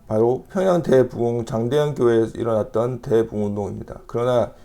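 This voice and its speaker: With a mellow, creaky voice of medium pitch, a man preaches as pastor, reading scripture aloud. He explains it in measured fashion with frequent pauses.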